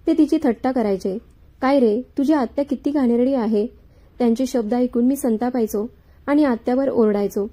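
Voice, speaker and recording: A woman narrating a scripted first-person story in a steady, earnest reading voice. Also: fairly high pitch.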